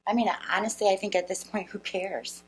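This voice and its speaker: A woman's voice: mid-range voice, fairly quick, breathy edge, low-quality recording. A young woman from Brazil, co-hosting a political talk show and giving short, blunt answers. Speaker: co-host.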